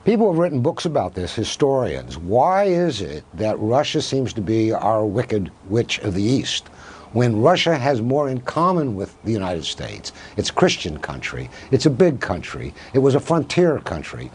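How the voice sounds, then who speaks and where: Male academic guest, husky, animated intonation, argumentative and full of rhetorical questions. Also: fairly low pitch, normal speed. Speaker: professor of Russian studies, guest. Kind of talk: televised news interview.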